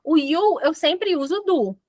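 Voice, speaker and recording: High-voiced Brazilian woman teaching English. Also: slow, dry recording, clean studio sound. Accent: Brazilian Portuguese. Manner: playful, animated explaining with jokes. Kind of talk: classroom grammar lesson.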